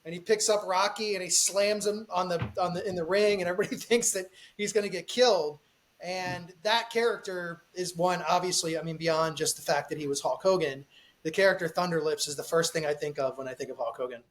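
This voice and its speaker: A man's voice: high-pitched, fairly even intonation, a little fast, a little hiss or hum. A man co-hosting a podcast, recalling pop culture with enthusiasm in casual chat. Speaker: podcast co-host.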